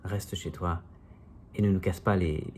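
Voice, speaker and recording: Man in his thirties with a lowish voice, reads his own comic poem at home, deadpan and self-mocking. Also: a little slow, slight background noise. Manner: self-mocking, jokey asides between verses. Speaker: amateur poet reciting his own poem. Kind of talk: casual home video poetry reading. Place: at home, indoors.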